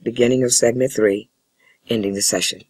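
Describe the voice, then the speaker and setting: A man speaking as a family therapist in a role-play session, with a husky voice and measured, formal, wordy phrasing. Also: medium pitch, steady tone, darkish tone, dry recording, rough recording. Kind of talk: spoken counseling role-play demonstration.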